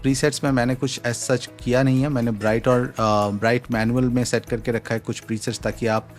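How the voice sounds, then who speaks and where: A man's voice: medium pitch, little pitch movement, fairly quick, soft background music. A man giving a casual product demo at home, explaining settings step by step and mixing in English phrases. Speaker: tech reviewer. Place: home room with a fan running. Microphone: studio USB mic at varying distance.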